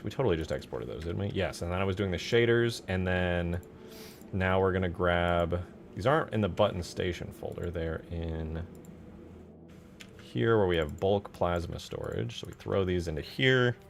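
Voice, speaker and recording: A man with a deep, creaky voice speaks over a little hiss or hum. He's a streamer modding a game, giving casual live commentary while he thinks aloud and informally asks himself questions.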